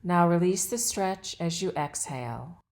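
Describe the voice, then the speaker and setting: Leading a guided meditation, this female yoga nidra instructor uses a fairly low voice that is expressive and a little mellow. Her relaxation instructions come very slowly, in short, deliberate phrases, with a soothing manner.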